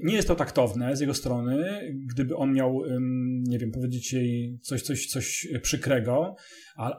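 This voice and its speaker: Higher-voiced man, halting film discussion co-host. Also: a little mellow. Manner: halting, searching for words, self-correcting. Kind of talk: casual analytical discussion.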